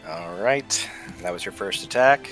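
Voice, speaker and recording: A man's voice: low-pitched, lively intonation, measured pace, a bit bright, soft background music. A man narrating a tabletop game as its game master, casually and with many hesitant fillers. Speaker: dungeon master.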